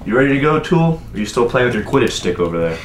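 A young man doing a cocky, frat-bound roommate who talks fast and mockingly, his pitch jumping all over. It is recorded in an echoey room with faint noise behind. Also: very animated, lightly acted. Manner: mocking, brash.

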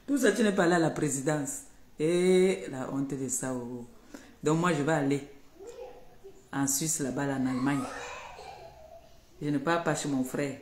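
A woman's voice: low voice, a little mellow. A woman ranting on her live stream to her followers, confrontational and threatening, repeating her warnings over and over. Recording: echoey room, faint background noise.

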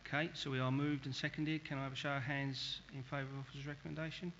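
A middle-aged man chairs a formal meeting, brisk and businesslike. His voice rings through a large hall, slightly dull, over a faint hiss. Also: medium pitch, flat delivery, fairly bright tone. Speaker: committee chair. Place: large council chamber. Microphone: desk microphone.

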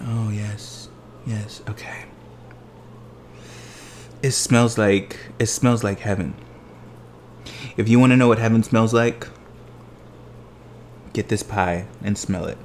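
In a dessert tasting vlog shot in his home living room, a food vlogger in his thirties chats as he samples sweets, delighting in every bite. His lowish voice stays fairly even, slow and full of long pauses, with a faint hiss or hum in the background.

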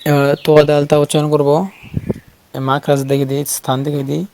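A man teaching Quran recitation who explains where the tongue touches the teeth and repeats each syllable slowly and patiently for the viewer to copy. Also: a little high, completely flat delivery, creaky, a little mellow. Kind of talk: slow drilled pronunciation lesson.

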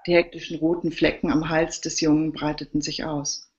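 A woman, the author, reading her crime novel aloud live in a steady narrating voice. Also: low-pitched, moderate pace, highs cut off.

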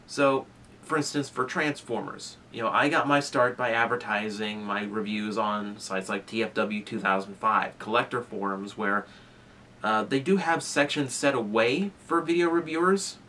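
A young toy reviewer gives earnest advice directly to camera, speaking conversationally with fillers and restarts as he gestures with both hands. He's indoors in a small room lined with toy shelves. His voice is fairly low, moderately paced, bright and forceful, picked up by a distant mic with slight background noise.

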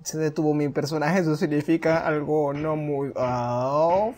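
Unhurried and a little high, a man's voice comes through with a little hiss or hum as he hosts a casual let's play from home. He chats to the game's characters and reads their lines aloud, but turns excitable, yelping and swearing, when the pressure's on.

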